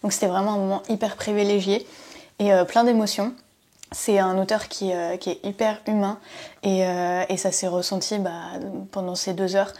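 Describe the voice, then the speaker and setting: Late-20s French woman, bookseller and book vlogger, mellow and relaxed, chatty with fillers, mid pitch. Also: normal speed. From France. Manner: chatty, many fillers, reads quotes aloud. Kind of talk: casual book haul vlog.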